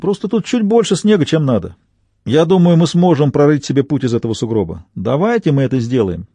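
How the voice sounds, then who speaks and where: A man reading an audiobook, voicing a quick-tempered man who takes charge and shouts orders. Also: fairly high pitch, lively intonation, husky, no room sound, studio quality. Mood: steady. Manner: insistent, heated, shouting orders.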